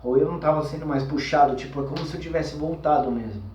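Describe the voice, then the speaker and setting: A young man with a Brazilian Portuguese accent tells an intense personal story, rushing in agitated bursts and then slowing to hushed, trailing phrases full of fillers. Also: a little high, a little hiss or hum. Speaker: vlogger telling a personal experience. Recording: roomy, mic at a distance.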